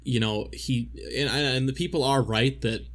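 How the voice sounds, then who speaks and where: A man's voice: mid-range voice, fairly even intonation, measured pace, a bit bright. A man co-hosting a podcast, talking casually about a movie with frequent restarts and fillers. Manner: rambling, many restarts and fillers. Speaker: podcast co-host.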